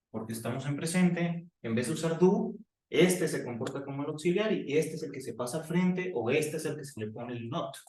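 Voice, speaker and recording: A man giving a classroom English grammar lesson, explaining slowly and repeating example sentences. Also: fairly high pitch, a little mellow, distant mic. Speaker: English teacher. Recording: roomy echo, voice from off mic.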